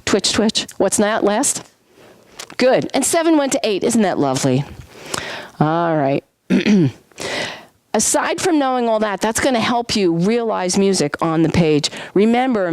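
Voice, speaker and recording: A woman teaching a music class in a lively way, often questioning her students and singing examples. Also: mid-range voice, no room sound. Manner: lively, sings solfege and vocal sound effects to demonstrate; asks the class frequent questions. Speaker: music instructor. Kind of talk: classroom lecture.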